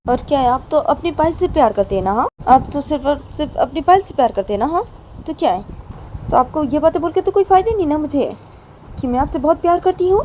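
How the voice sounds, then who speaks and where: A woman's voice: sits high, expressive, quick pace, darkish tone, a little hiss or hum, pitched above the performer's own voice, rough recording. A woman voicing a young woman who pleads emotionally with her partner, repeating herself with rising insistence. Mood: upset pleading.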